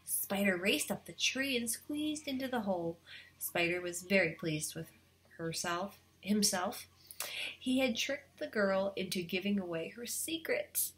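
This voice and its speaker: A woman's voice: mid-range voice, a little slow, low-quality recording. A woman teacher reading a storybook aloud to students and explaining the lesson. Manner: expressive, explaining.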